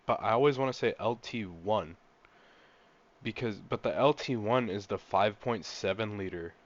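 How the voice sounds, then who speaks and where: A young man giving casual, rambling gameplay commentary, an excitable car enthusiast talking through a car he's trying out. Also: lowish voice, normal speed, highs cut off. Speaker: gaming channel host.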